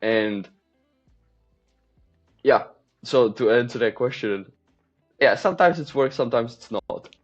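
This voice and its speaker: A man's voice: mid-range voice, lively intonation, measured pace, pauses often, soft background music. A man, chatting easily as a podcast guest and laughing readily. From Czech Republic. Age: 20s. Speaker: podcast guest, mindset coach. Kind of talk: casual interview chat. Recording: slightly dull lo-fi sound.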